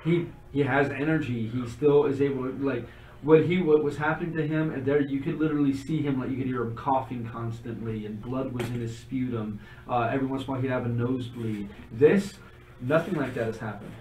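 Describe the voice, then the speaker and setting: A man's voice: mid-range voice, steady tone, fairly quick, a little mellow, echoey room, distant mic, slight background noise, rough recording. A man narrating as game master of a tabletop game, describing things in a loose, conversational way.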